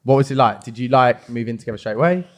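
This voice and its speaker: A male podcast co-host speaks at a middle pitch in relaxed, reassuring tones. He eases his guests along with calm follow-up questions. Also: quick pace, crowd noise. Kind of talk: casual chat.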